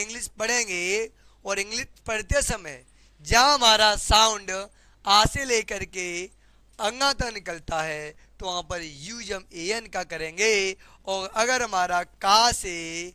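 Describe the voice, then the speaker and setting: A man's voice: sits high, pushed and bright, smooth, no echo. A man with a Hindi accent teaching English grammar in a classroom lesson, often repeating questions to his students.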